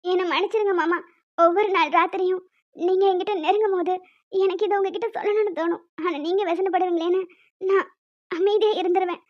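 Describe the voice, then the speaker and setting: A woman voicing a gentle young wife in a cartoon, pleading and sorrowful as she pours out her hurt. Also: very high voice, fairly even intonation, a little fast, highs cut off. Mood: tearful.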